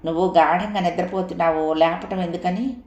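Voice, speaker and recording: A woman voicing a dreamy, gently amused young man in a spoken story, recorded in an echoey room. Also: fairly low pitch, steady tone, fairly quick, lo-fi sound, close to an everyday voice.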